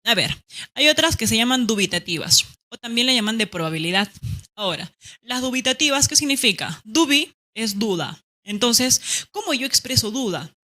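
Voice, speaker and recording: Bright-voiced woman teaching. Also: fairly high pitch, normal speed. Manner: lively, acts out example sentences, frequent "¿ya?" checks. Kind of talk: online grammar lesson.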